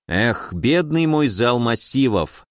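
A man's voice: mid-range voice, sing-song, slow, no echo, studio quality. A man voicing a boisterous, grumbling male mage who teases and complains in an indignant way. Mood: rueful. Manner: indignant, teasing.

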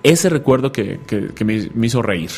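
A man's voice: medium pitch, lively intonation, moderate pace, a little mellow, faint music behind. A man hosting a radio talk show, chatting and telling stories with a joking manner. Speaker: radio host. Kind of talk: casual radio chat.

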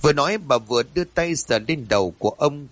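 A man narrating a ghost story in a dramatic, drawn-out reading. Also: fairly high pitch, lively intonation, fairly bright tone, dry recording. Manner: dramatic, slow and drawn-out in tense passages.

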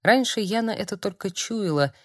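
A woman narrating an audiobook in a calm, measured reading. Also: mid-range voice, dry recording, studio quality. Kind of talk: scripted narration.

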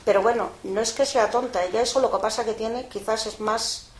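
An older woman being interviewed, telling a story in a casual, lively way with lots of fillers. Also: a little high, brisk. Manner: colloquial, lively retelling with frequent fillers. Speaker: interviewee, mother of a prisoner. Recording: echoey room, faint background noise.

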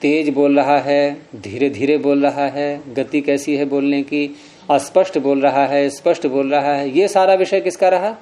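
A man with a warm, fairly high voice and fairly even intonation lectures at a measured pace on Sanskrit sutras. He recites them in Sanskrit, questions the class often, and repeats key words.

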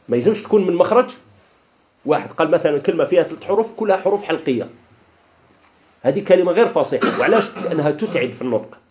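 Algerian male teacher, lively and rather high, quizzes the class and answers himself, mixes classical and dialect, dull lo-fi recording. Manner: asks the class questions and answers them himself. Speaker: Islamic studies teacher. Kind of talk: classroom lecture on Arabic grammar. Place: lecture hall of an association.

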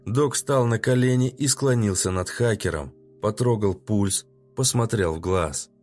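A man narrating an audiobook in a steady, even reading voice. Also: on the low side, unhurried, faint music behind.

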